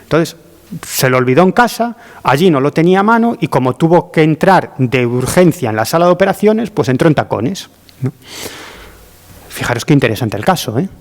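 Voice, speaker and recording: A man's voice: on the high side, lively intonation, fairly quick. Rambling man in a reverberant hall. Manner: rambling, with frequent "¿no?" tags and restarts. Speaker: guest author. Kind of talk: casual storytelling in a talk.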